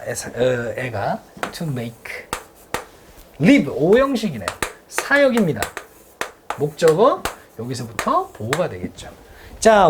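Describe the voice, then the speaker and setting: A teacher giving a casual grammar lecture in a classroom, explaining things with quick rhetorical questions. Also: medium pitch, a little hiss or hum. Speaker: English teacher. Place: classroom with a blackboard.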